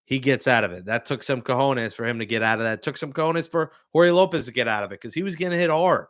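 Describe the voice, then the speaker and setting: A man hosting a live postgame reaction show, talking through the game with excitable, joking fan commentary. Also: mid-range voice, quick pace. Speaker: sports talk host.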